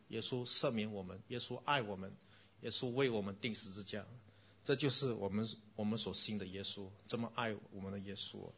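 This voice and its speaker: A middle-aged man, a pastor giving a gentle, conversational children's sermon and calling himself their uncle. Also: fairly low pitch, lo-fi sound.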